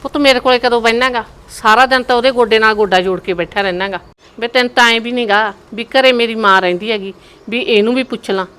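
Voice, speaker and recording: An older woman as a bright, nagging Punjabi mother. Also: a little high, fairly even intonation, fast talker, smooth, natural voice, rough recording. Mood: chatty. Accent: Indian Punjabi. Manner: chatty, teasing, scolding. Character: chatty, nagging mother of a married son. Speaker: mother in a family drama. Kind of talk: village web drama acting.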